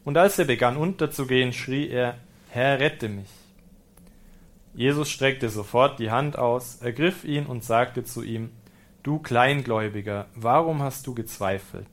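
A German-speaking male priest reads scripture aloud during a sermon and then reflects on it. He explains things patiently and calmly in a mid-range voice at a measured pace, adding touches of gentle humor.

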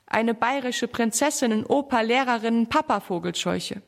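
A woman's voice: a little high, animated, normal speed, gravelly, big-room sound. A woman voicing an eager little boy in a children's story. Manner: eager, pleading.

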